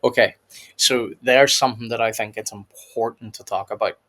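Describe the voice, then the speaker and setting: A man's voice: mid-range voice, fairly even intonation, moderate pace, a bit bright. A man hosting a casual reaction video, rambling and laughing often as he comments. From United Kingdom.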